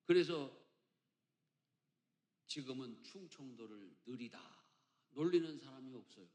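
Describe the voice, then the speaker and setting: A man in his fifties from Chungcheong, Korea, preaching a sermon as senior pastor, jumping between loud emphatic lines and quiet asides, with folksy jokes. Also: mid-range voice, lively intonation, a little slow. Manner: emphatic preacher with big swings between loud and soft, joking. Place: church sanctuary. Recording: echoey church hall.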